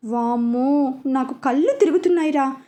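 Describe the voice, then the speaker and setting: Woman playing an exasperated young man, high and mellow, in a spoken storybook. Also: normal speed, natural voice.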